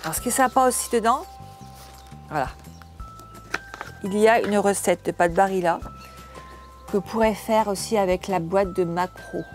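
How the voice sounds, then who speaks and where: A woman's voice: medium pitch, normal speed, long pauses, soft background music. An older woman hosting a home cooking channel, chatting casually and homely to the camera as she unboxes food, often restarting her words.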